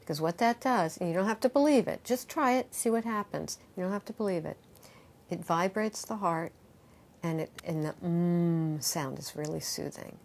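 Earnest animated woman yoga teacher. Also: fairly low pitch, moderate pace, creaky. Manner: earnest and animated, acting out panicked voices. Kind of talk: interview answer with guided breathing demonstration.

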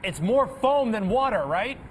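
A man anchors live news, putting conversational questions to a reporter in the field. His voice is fairly high, and clear storm noise from the live feed runs behind him. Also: animated, moderate pace.

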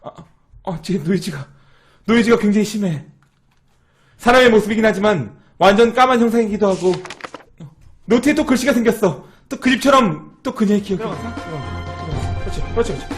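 A man's voice: high-pitched, expressive, moderate pace. A man streaming a game live, chatting and thanking viewers in a sing-song way, teasing and joking as he plays. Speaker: internet streamer. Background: game music.

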